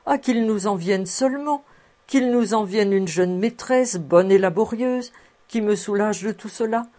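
A woman's voice: medium pitch, unhurried, mellow, pitched above the performer's own voice, close to an everyday voice. A woman voicing a fussing, cheerful old housekeeper in her sixties who chuckles as she coaxes. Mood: coaxing. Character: cheerful old female housekeeper, sixty-four, toothless.

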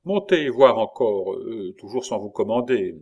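A man voicing a swaggering convict innkeeper who talks like a salty old sailor, loud and boastful. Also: lowish voice, lively intonation, unhurried, highs cut off. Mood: gruff boasting.

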